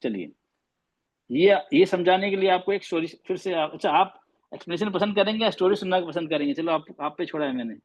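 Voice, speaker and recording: A man with a high voice teaches a class. He is patient, asks questions and goes over each point again, with English terms mixed in. The recording sounds a little dull. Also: animated, a little fast. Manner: mixes Hindi with English terms. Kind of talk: classroom lesson.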